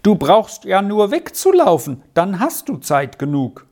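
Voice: medium pitch, very animated, unhurried, darkish tone, voice pushed up. A reader voicing a sturdy, broad ten-year-old boy who is pushy and mocking, in a storybook reading. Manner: insistent, teasing.

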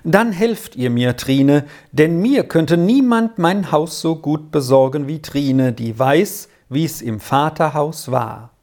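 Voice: mid-range voice, lively intonation, takes it slowly, few pauses, a little mellow. Ein entschlossener, gutmütiger Professor mittleren Alters, gelesen von einem Erzähler, der knapp und bestimmt spricht. Er klingt wie eine Hörbuchfigur, kaum verstellt. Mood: cheerful. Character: warm, decisive middle-aged professor and uncle. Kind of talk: audiobook character voice.

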